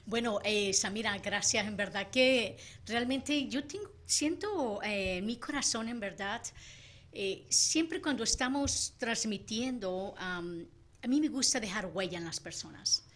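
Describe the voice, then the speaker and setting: A woman's voice: medium pitch, expressive, measured pace, fairly bright tone. A woman from Sinaloa, Mexico, a chef and guest on a radio show, speaking politely with hesitant fillers. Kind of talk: casual studio chat. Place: radio studio.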